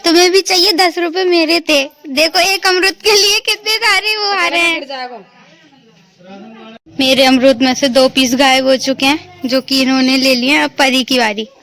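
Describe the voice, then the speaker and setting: A woman's voice: sits high, normal speed, vocal fry, a bit bright. A young woman vlogging casually outdoors in her neighbourhood, chatting and teasing the kids around her as she films on a phone. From India. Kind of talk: casual family vlog chat.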